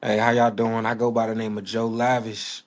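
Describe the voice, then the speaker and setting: A soft-spoken musician in his twenties from Virginia, United States, chats in a laid-back interview full of fillers. His fairly low voice is completely flat in delivery and moves at a normal speed.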